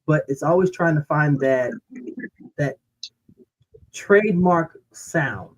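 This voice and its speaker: A man's voice: fairly high pitch, takes it slowly. A man co-hosting a casual talk show, joking around and slipping into comic voices. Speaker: podcast co-host. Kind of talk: casual chat. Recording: dull lo-fi mic with faint noise.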